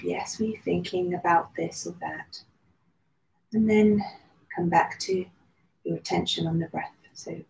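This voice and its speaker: A meditation and yoga teacher, a woman with a soft, mid-range voice and some vocal fry, leads a guided meditation. She guides slowly and soothingly, leaving long pauses. The recording has a roomy echo and faint background noise.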